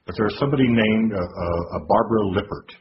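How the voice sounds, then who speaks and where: Deep-voiced man hosting a lo-fi podcast. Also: fairly quick. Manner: hesitant, many fillers, reads quotes aloud. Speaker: podcast host. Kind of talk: casual podcast commentary. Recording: dull lo-fi podcast audio with noise.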